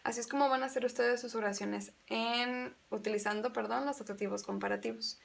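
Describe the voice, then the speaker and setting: Gravelly-voiced woman teaching grammar. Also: a little high, steady tone, quick pace. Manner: patient, explains step by step, repeats examples; switches between Spanish and English. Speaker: English teacher. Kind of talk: bilingual grammar lesson.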